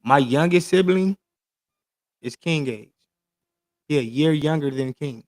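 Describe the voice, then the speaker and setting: A man's voice: fairly high pitch, a little slow, darkish tone, no echo. A man in his late thirties in casual podcast chat, talking in loose, slangy, emphatic stories. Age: 30s. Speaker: podcast host.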